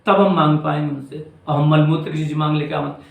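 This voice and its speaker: A man's voice: a little high, steady tone, fast, gravelly, roomy sound, phone-quality sound. A man with a Braj Hindi accent giving a devotional discourse as a spiritual teacher, scolding and repeating his points with emphasis.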